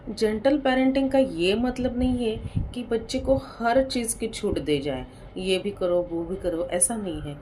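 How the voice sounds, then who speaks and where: A woman's voice: mid-range voice, a little mellow, slight background noise. A woman with an Indian accent, a psychologist and counselor, giving a parenting advice talk in an explanatory way, slipping English terms into her speech and using frequent fillers.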